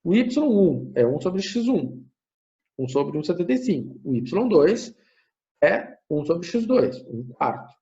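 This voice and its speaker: A man giving a math lecture, thinking aloud step by step, often checking in with a quick tag question and correcting himself as he goes. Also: a little high, sing-song, dark tone. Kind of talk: recorded classroom lecture. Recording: muffled lo-fi recording.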